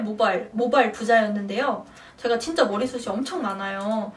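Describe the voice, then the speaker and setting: A young woman tells a personal story in a relaxed, chatty vlog. Her voice sits a little high and she acts out her own past lines with animated bursts. The recording has her a bit away from the microphone. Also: distant mic, slight background noise. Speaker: vlogger. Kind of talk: casual storytelling to camera.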